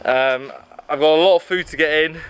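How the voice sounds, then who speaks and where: A man's voice: fairly high pitch, moderate pace, a bit bright, clean tone. A man chatting casually to his camera as a fitness vlogger, upbeat and loose, with plenty of fillers. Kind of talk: casual vlog chat. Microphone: handheld camera.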